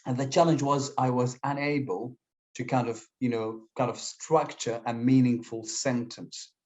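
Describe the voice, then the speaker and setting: With a medium-pitched, darkish voice and flat, measured delivery, a young man from Syria who grew up speaking Kurdish answers in English as a guest in a casual interview. He leans on plenty of fillers and restarts, and the lo-fi recording sounds a little dull.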